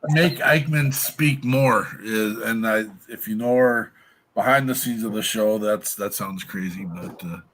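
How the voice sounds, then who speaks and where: A man hosting a talk show, chatting reflectively and often pausing mid-sentence. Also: on the low side, level tone, a bit bright, poor audio. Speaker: show host.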